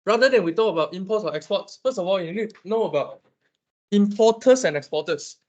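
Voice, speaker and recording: A Malaysian man lecturing his class on economics, animated and teasing as he quizzes students. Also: high voice, a little fast, poor audio. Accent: Malaysian English.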